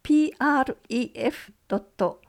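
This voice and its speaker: A woman radio announcer reading community event notices, working through lists of places and numbers in a measured way. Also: high voice.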